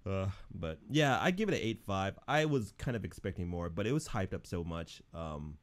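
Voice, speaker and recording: A young man with a low, expressive voice chats about an episode at a moderate pace, keeping it laid-back and easygoing. It's a casual review, and he says "dude" a lot.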